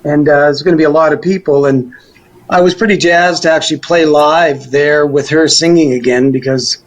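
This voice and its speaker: Captured on a low-quality recording, a musician of middle age or older reminisces in a rambling, relaxed interview. His voice is a little high with a steady tone and moderate pace, and he keeps hedging with "kind of" and "you know."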